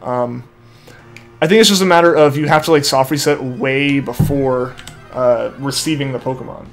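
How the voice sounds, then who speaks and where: On a casual live stream, a rambling young adult man reads out viewer comments, filling his speech with "like." He has a medium-pitched voice and a normal pace, with soft music in the background. The sound comes through a headset mic feeding back to his headphones.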